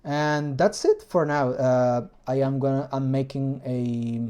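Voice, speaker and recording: In a casual vlog, a man whose first language is Spanish talks through a hobby engine build, often pausing to search for words in his second language. He speaks with a Spanish accent in a mid-range voice, with a dark, clean tone.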